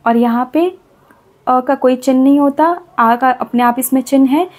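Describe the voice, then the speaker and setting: A woman teacher explaining Hindi vowel signs to children, repeating example words slowly and patiently. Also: high-pitched, steady tone, a little mellow.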